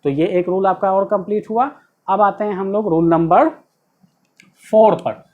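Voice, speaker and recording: Teaching English grammar as if in a classroom, a man lays out each step, leans on key words and checks in with rhetorical questions. His high voice moves at a moderate pace, recorded with phone-quality sound.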